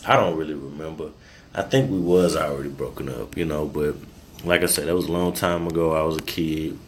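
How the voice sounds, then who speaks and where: A man's voice: very deep voice, brisk, a little hiss or hum. A man hosting a podcast, talking loose and rambling after a few drinks, freestyling his thoughts. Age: adult, married. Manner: loose, rambling, tipsy and relaxed. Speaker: podcast host. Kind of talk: casual freestyle podcast monologue.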